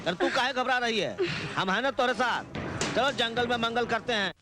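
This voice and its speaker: A crude politician. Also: male voice, very high-pitched, normal speed, background noise. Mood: leering. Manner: boastful, bossy, rustic speech. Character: crude lecherous middle-aged male politician. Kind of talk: Hindi film dialogue.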